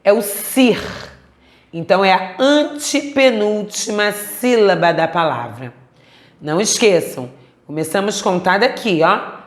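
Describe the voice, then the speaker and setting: Brazilian woman, teacher; measured, drawn-out delivery, mid pitch, roomy echo. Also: lively intonation. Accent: Brazilian Portuguese. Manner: slow, deliberate, stretching out words to teach syllables. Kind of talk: recorded remote class lesson. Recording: echoey room.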